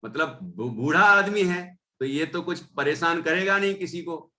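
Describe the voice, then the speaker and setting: Bright-voiced Hindi teacher explaining scripture. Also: male voice, on the high side, lively intonation, measured pace. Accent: Indian Hindi. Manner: reads a verse, then explains with tag questions. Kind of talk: explaining a scripture text in class.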